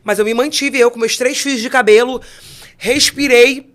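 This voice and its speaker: A woman's voice: fairly high pitch, normal speed. A young woman on a podcast, telling her faith testimony in a casual way, acting out the dialogue and often restarting her sentences. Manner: animated storyteller, acts out dialogue in voices; frequent restarts and repeated words. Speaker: podcast co-host.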